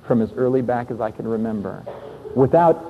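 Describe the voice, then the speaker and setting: A man telling his life story as an earnest sermon testimony, reflective, with emphatic pauses. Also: medium pitch, expressive, slight background noise. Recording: tinny, lo-fi recording in a long-echoing hall.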